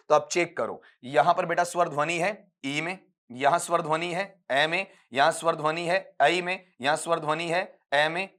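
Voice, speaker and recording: A man teaching English phonetics for an exam. He explains step by step, addresses students fondly, and stretches words out slowly to show their sounds. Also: on the high side, fairly bright tone. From India. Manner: patient, explains step by step, calls students "beta". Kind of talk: exam-prep lecture.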